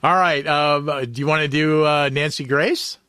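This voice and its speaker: A man's voice: fairly high pitch, steady tone, normal speed, bright, forceful tone, clear, resonant tone, dry recording, clean studio sound. Enthusiastic man co-hosting a podcast. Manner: friendly, enthusiastic, laughs often. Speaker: podcast co-host. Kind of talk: casual podcast interview.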